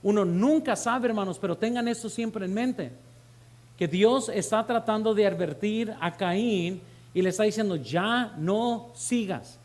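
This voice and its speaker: A man's voice: high-pitched, moderate pace, a little mellow. A man with a Mexican accent, a pastor preaching a sermon to his congregation, calling them brothers and asking them rhetorical questions. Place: church.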